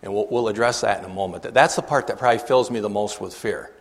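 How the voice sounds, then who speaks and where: An older man speaking earnestly to a church meeting, halting and repeating words as he asks the audience questions. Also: fairly low pitch. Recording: long reverb of a hall.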